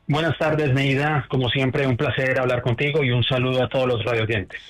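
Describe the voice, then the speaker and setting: A man's voice: mid-range voice, fairly even intonation, normal speed, dry recording, rough recording. A man from Colombia, a political analyst, answering interview questions in a thoughtful, hesitant way with many fillers. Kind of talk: radio interview. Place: New York.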